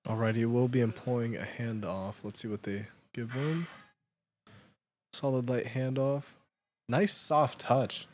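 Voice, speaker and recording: An excited male commentator at a powerlifting meet, calling each bench press and its result. His voice sits at an ordinary middle pitch. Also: measured pace. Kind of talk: live sport commentary. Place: powerlifting gym.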